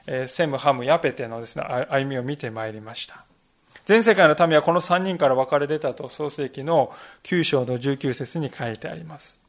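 A male pastor giving a Sunday sermon, explaining things step by step and often pausing on fillers. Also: a little high. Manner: explanatory, peppers phrases with "desu ne" and fillers.

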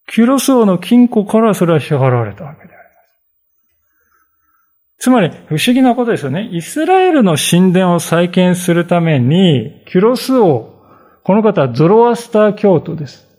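A man's voice: high voice, big pitch swings, moderate pace, a little mellow. A male pastor giving a conversational sermon, reading scripture and explaining it with frequent fillers and asides.

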